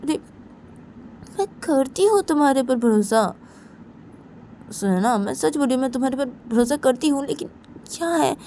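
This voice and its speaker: High-pitched anxious young woman, pleading and insistent, gravelly edge, as a woman puts her on. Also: lively intonation, moderate pace, pauses often, mellow, slight background noise.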